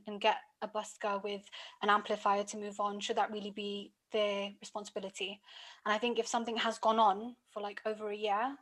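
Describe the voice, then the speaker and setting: A female councillor raising residents' complaints in a committee meeting, earnest, with many pauses. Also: mid-range voice, fairly bright tone.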